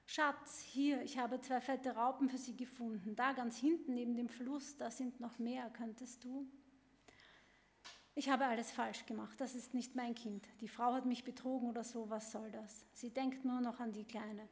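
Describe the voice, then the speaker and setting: A woman's voice: a little high, fairly even intonation, moderate pace, lightly acted. A woman reading as a bewildered father bird. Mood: aggrieved. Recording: long hall reverb.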